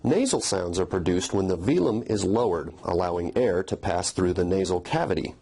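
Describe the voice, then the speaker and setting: Deep-voiced, husky male phonetics instructor. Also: animated, normal speed, dark tone. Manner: methodical, explains and demonstrates sounds. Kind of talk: scripted educational narration.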